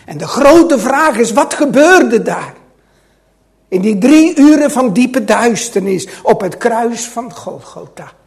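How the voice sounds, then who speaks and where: In a church, a man preaches to his congregation in a very high-pitched, expressive voice. His delivery is slow and dramatic, swinging between loud and hushed.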